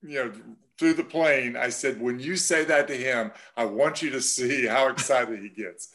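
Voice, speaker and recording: A man, a team broadcaster, telling a travel story in an animated, casual way. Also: medium pitch, moderate pace. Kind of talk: casual podcast chat.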